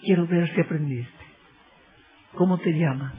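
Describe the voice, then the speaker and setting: An older preacher voicing a fatherly divine figure who answers a pleading man earnestly and with deep feeling. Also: measured pace, narrow, tinny audio, close to an everyday voice. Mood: tender then impassioned. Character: tender fatherly divine voice, rebuking gently.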